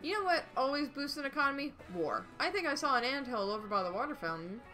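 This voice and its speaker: A woman voicing a tiny, indignant citizen of a miniature city, pedantic and shrill. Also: sing-song, fast talker, pushed and bright, faint music behind, heavily acted. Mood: pushy.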